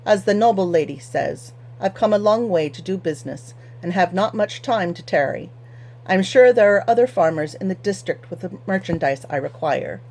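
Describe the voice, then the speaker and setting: A woman's voice: lowish voice, animated, moderate pace, darkish tone. A woman doing a cold, accented foreign merchant. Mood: cold curt. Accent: heavy foreign accent. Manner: curt, cold. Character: cold, scar-faced foreign male merchant.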